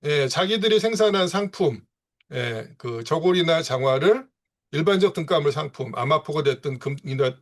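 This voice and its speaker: This man gives an online seminar lecture over a video call, his voice sitting on the high side and sounding animated at a moderate pace. He explains things with plenty of filler words and rhetorical questions.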